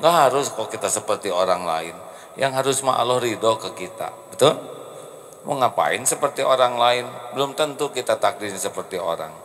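Animated Sundanese preacher with sudden leaps. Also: male voice, normal speed. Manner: animated, joking, big pitch jumps. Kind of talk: humorous sermon. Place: indoor hall with carved wooden panels. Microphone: handheld mic. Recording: long reverb of a hall.

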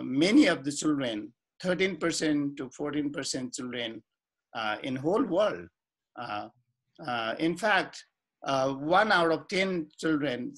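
A man in his forties from Nepal with a Nepali accent, introducing himself as a life coach to a webcam in a small room, slow and searching with many fillers and restarts. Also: mid-range voice, a bit bright. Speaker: life coach and social activist. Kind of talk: self-introduction to camera. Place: small indoor room with plain wall.

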